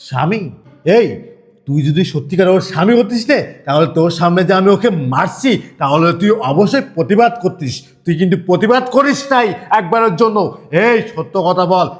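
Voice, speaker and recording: A man acting an angry, taunting husband in a short film, shouting and goading with repeated interjections. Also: sits high. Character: angry man posing as sweeper, the returned husband.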